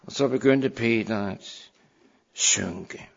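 A man preaching a sermon, moving between hushed, slow pleading and raised, urgent calls to his listeners. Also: lowish voice, creaky. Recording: dull sound with long hall reverb.

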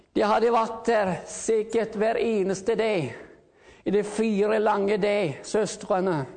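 Male revival preacher, very high voice, fervent, hallelujah-heavy delivery. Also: darkish tone. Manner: fervent, repeated hallelujahs, rising to calls. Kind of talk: revival sermon.

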